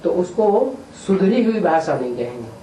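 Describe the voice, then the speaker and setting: A man's warm, high voice, very animated and at normal speed, carries a question-and-answer spiritual discourse. He explains with examples and poses rhetorical questions, heard through a distant mic in a roomy room with faint background noise.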